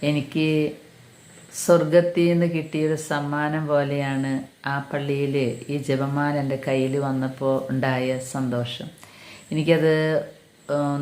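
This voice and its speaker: Middle-aged woman, earnest religious testimony, deep voice, faint background hum. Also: darkish tone. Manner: earnest, calls listeners dear brothers and sisters. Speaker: catechism teacher sharing a testimony. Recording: echoey room.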